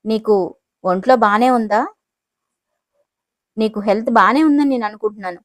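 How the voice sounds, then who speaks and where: A woman voicing a cold, menacing young businessman who speaks in a calm, dismissive way. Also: a little high, normal speed, no room sound, close to an everyday voice. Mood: cold, controlled.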